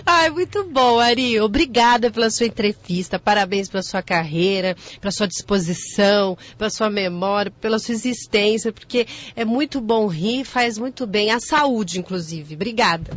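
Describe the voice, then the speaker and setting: A woman hosting a radio interview, keeping the guest going with short, encouraging replies. Her voice sits at a middle pitch for a woman. The sound is slightly muffled. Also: normal speed, few pauses. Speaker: radio host.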